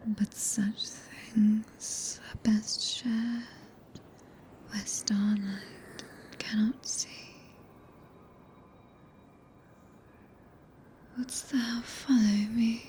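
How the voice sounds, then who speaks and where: A woman with a British accent voicing a tender, possessive, regal witch mistress in a breathy, archaic whisper for an ASMR roleplay, close to a binaural microphone. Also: mid-range voice, warm tone. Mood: teasing, seductive.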